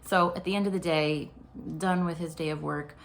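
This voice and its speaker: A woman with a low, gravelly voice tells a story to her viewers in a friendly, conversational way. She sounds like a therapist hosting a short video. Faint noise sits under her voice. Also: fairly even intonation, normal speed.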